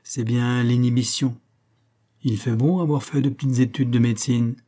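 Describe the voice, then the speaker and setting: Man playing a sneering ex-viscount crook, snappy, dark husky voice. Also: mid-range voice, fairly even intonation, moderate pace, lightly acted. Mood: scornful. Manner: contemptuous, snapping, sometimes hissed. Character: cold scheming former viscount, criminal man.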